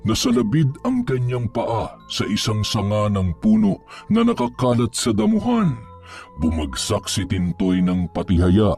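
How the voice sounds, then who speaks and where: A man narrating a scripted horror story in a measured, suspenseful storytelling manner. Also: lowish voice, wildly swooping pitch, darkish tone, soft background music.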